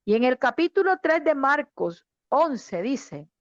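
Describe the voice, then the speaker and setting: A woman pastor delivers a fervent sermon, talking directly to her congregation. Her voice sits high and her delivery is slow and deliberate. The recording is dry and a little muffled. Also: very animated, dry recording. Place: online church service.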